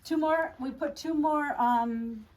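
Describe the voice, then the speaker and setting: Chatty quilting woman, slightly high voice. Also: a little mellow, slight background noise. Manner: chatty, talks fast and a lot, self-interrupting. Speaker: quilt shop co-owner showing projects. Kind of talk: casual show-and-tell tutorial.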